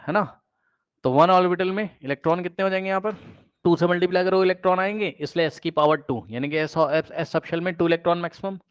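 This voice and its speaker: Male chemistry tutor, higher-pitched, drills students with repeated questions, dry lo-fi recording. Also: no room sound. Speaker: chemistry teacher. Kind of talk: exam-prep lecture.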